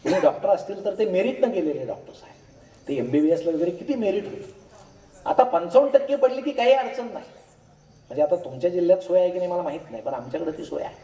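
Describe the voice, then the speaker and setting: With a Marathi accent, a man gives a humorous public lecture, cracking jokes and acting out the dialogue in his stories. His voice is high, expressive, and dark in tone, and he talks quickly. The mic sits at a distance in an echoey hall with a crowd present.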